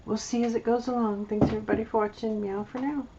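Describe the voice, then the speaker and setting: A woman's voice: on the high side, flat delivery, quick pace, dull audio, background noise. A woman showing her craft project in a casual, rambling vlog, often restarting her sentences. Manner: rambling, hesitant, chatty with many restarts. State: mouth full of candy. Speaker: crafting vlogger. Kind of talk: casual show-and-tell craft video.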